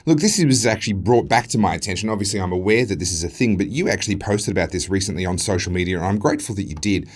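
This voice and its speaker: A man hosting a news show, measured and earnest as he presents and interviews. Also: deep voice.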